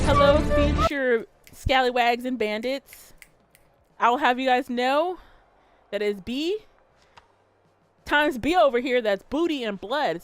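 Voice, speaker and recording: A woman streamer telling a story and chatting with her viewers, animated and full of swearing. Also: medium pitch, no echo. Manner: profane, animated, talks straight to chat. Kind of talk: casual livestream storytelling and chat.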